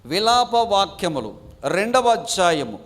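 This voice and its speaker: A middle-aged man preaching a sermon, asking the congregation questions and answering them himself, and reading scripture slowly. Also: sits high, sing-song, fairly bright tone. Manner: slow measured scripture reading. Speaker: pastor.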